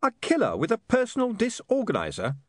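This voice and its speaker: A man's voice: sits high, wildly swooping pitch, a little fast, a bit bright, dry recording, pitched above the performer's own voice, full character voice. A man voicing a dry-witted young man who speaks in an understated way. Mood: wry.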